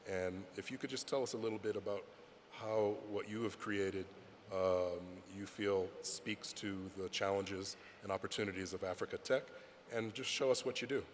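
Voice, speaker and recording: A man's voice: fairly low pitch, steady tone, moderate pace, slight background noise. A man moderating a conference panel, introducing speakers with hesitant, filler-heavy questions. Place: large conference hall. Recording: long hall reverb with faint ambience.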